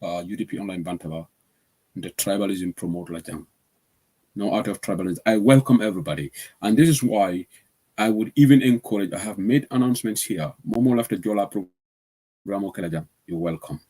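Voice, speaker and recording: A man's voice: lowish voice, brisk, slightly rough. A man from Gambia hosting an online current affairs show, talking casually and laughing often. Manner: animated, laughs often, switches between English and Mandinka. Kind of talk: casual talk show monologue.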